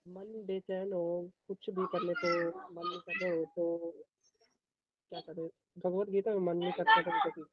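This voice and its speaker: A student slowly asking a halting question in class, heard faintly from across the room. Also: mid-range voice, flat delivery, crowd noise. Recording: faint, from far off, lo-fi.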